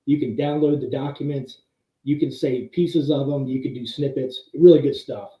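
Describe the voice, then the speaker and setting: A man hosting a monthly history talk, explaining slides conversationally, heard in tinny, low-sample-rate audio from an empty room. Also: normal speed, mellow, roomy sound. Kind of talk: casual slide-show presentation. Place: pretty much empty room.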